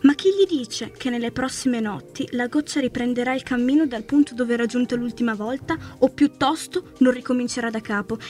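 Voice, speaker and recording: A woman narrating a literary short story in a slow, measured, hushed manner. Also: a little high. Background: faint music.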